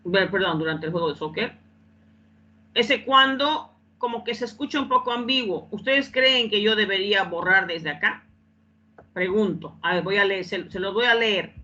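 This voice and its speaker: A woman's voice: medium pitch, normal speed, pushed and bright, highs cut off. A woman teaching English in Spanish in an online class, repeating phrases and often checking that students follow.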